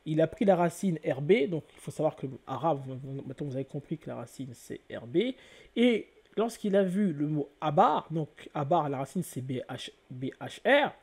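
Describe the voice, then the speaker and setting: A man with a fairly high, warm and mellow voice gives a methodical lecture. He explains step by step and often pauses to check that the listener is following. When he reaches a point he likes, his delivery turns more animated. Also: slightly rough. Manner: methodical, repeats points with "hein" and "donc". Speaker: video lecturer on word origins.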